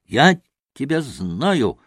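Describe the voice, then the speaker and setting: Narrator playing a stubborn cranky clerk, drags out the same words over and over, gets higher. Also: male voice, wildly swooping pitch, dry recording, clean studio sound, exaggerated voice. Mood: irritated. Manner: slow dogged repetition. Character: irritable young shop clerk, dim and stubborn.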